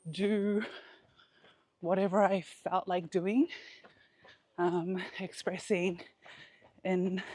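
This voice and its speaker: Slow-paced woman vlogging while out running. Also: mid-range voice, darkish tone, no echo. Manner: candid, introspective. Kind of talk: casual, reflective personal vlog.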